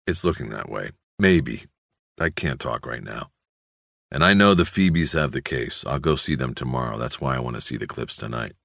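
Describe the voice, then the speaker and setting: A man voicing a weary male police detective who speaks low, clipped and guarded in an audiobook. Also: animated, normal speed, gravelly, a bit bright, no echo, clean studio sound, full character voice.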